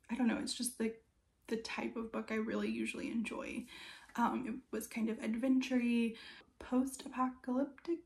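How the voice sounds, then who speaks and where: A woman's voice: a little high, vocal fry, a little mellow. A woman around her thirties giving a casual, chatty book review in a conversational way, with loose asides. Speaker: book reviewer and video host.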